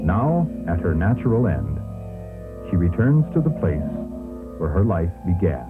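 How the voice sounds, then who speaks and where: A man narrating a nature documentary in a slow, measured, solemn way, heard from a worn VHS tape copy. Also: deep voice, big pitch swings. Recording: thin, tinny worn VHS tape with music. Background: music score.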